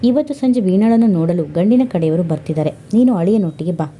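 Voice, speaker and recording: A woman's voice: fairly low pitch, lively intonation, quick pace, mellow, slight background noise, lightly acted. A woman voicing a distraught, pleading middle-aged mother in an audio story.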